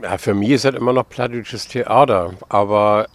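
A man, a guest on a radio talk, answering at length and pausing to find his words. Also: fairly low pitch. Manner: hesitant, thinks aloud with fillers. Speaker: guest, actor and writer. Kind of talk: casual radio interview.

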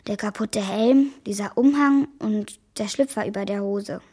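A woman's voice: medium pitch, unhurried, darkish tone, breathy edge. A woman voicing a cheeky young girl left home alone in a children's radio play.

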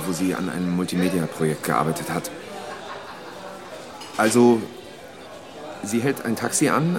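In a radio drama monologue, an actor plays a young man who coarsely and bluntly recounts a brutal story about his girlfriend. His voice sits fairly low, and the acting is light.

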